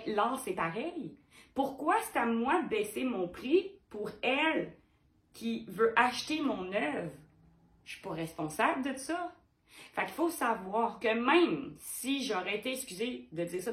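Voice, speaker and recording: A woman's voice: mid-range voice, echoey room. A woman painter with a Québécois French accent, talking frankly and animatedly to her viewers, firing rhetorical questions. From Quebec. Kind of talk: direct-to-camera vlog.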